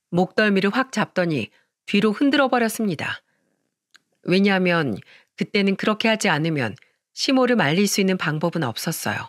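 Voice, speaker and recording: Steady radio-story narrator, dry sound. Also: medium pitch, no room sound.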